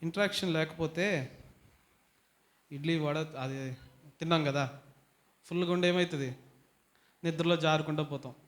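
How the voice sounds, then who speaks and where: Guy teaching a youth bible study, keeps throwing out questions and making the crowd answer louder, voice sits a bit high. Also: a little slow, long pauses. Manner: quizzes the audience, urges them to answer louder. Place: retreat hall.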